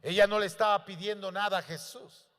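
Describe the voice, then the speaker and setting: A man with a high, bright voice preaches a sermon in a church. He builds to loud, emphatic peaks and often asks the congregation questions. The sound carries a long reverb from the hall. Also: fairly even intonation, fairly quick. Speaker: pastor.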